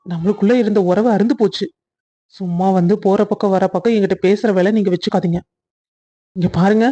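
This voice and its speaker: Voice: medium pitch, warm tone, close to an everyday voice. A voice actor playing a young man in a cartoon story, resentful toward his sister, talking in a dull lo-fi recording. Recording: dull lo-fi audio.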